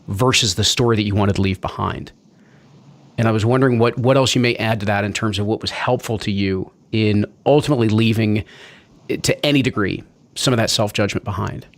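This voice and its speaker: A man hosting an interview, asking long, winding, thoughtful questions and encouraging his listeners. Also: fairly low pitch. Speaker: podcast host. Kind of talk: interview conversation.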